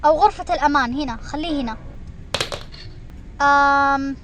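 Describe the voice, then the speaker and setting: A woman streamer giving excited commentary while she plays a game, shrieking when she is chased. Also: high voice, normal speed, soft background music. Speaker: gaming streamer.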